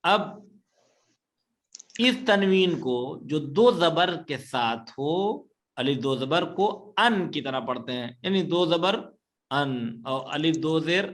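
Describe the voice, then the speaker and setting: A man's voice: a little high, lively intonation. Patient male Quran reading teacher. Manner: patient, repeats each rule and checks understanding; recites Arabic examples slowly and drawn out. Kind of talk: online Quran reading lesson.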